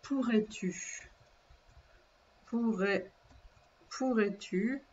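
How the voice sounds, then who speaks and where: A woman teacher giving a dictation lesson, speaking slowly and carefully, repeating and spelling words aloud. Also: mid-range voice, a little mellow, dull audio, a little hiss or hum.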